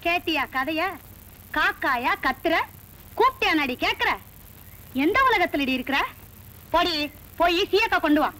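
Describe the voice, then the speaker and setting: A shrill, wailing village woman. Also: lively intonation, moderate pace, pauses often, bright, forceful tone, full character voice. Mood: scolding. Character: shrill, quarrelsome village woman, loud and scolding. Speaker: village woman in a household quarrel.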